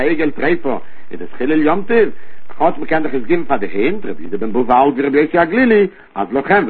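A man teaching a Talmud study lesson with a rapid, rising and falling study cadence. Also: medium pitch, slightly rough. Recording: tinny phone-line recording.

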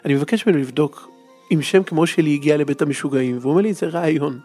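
A man's voice: a little high, darkish tone, husky, soft background music. A man telling a comic first-person story in a dramatic way that builds tension.

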